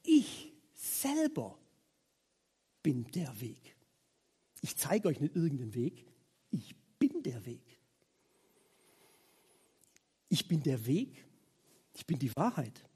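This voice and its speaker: Solemn, hushed male teacher, read by a preacher, slow and quiet, a little husky. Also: high voice, lively intonation, full character voice.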